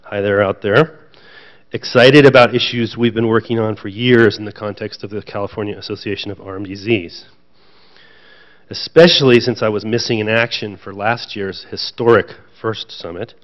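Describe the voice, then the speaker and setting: Speaking to a conference room audience, an association president on a panel keeps his remarks chatty, with light jokes at his own expense. His fairly low voice has fairly even intonation and a moderate pace, and the event audio is dull and lo-fi.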